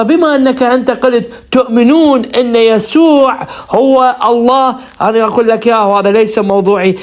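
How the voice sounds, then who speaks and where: A man speaks at a rapid clip as a caller in a religious debate. He is insistent and keeps pressing for room to explain his side. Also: extremely high pitch. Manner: insistent, pleading for a chance to answer.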